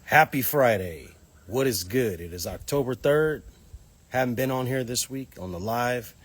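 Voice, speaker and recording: A man's voice: mid-range voice, animated, moderate pace. A man hosting a casual livestream outdoors, a little nasal from a cold, talking loosely and greeting viewers as they arrive. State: nasal congestion. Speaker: livestream host. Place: outdoors near homes.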